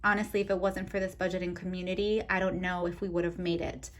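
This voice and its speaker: A woman's voice: lowish voice, level tone, quick pace, a bit bright. A woman vlogger explaining her household budget in a chatty way, talking straight to her viewers with frequent ums. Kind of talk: casual direct-to-camera vlog.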